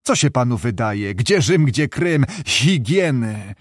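A man voicing a gruff, scornful older male estate administrator who mocks and blusters. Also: medium pitch, big pitch swings, slow, dry recording, clean studio sound. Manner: mocking, blustering.

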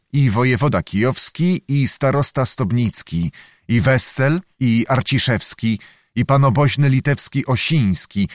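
A man's voice: medium pitch, no room sound, studio quality. Solemn male audiobook narrator. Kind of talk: scripted narration of a historical novel.

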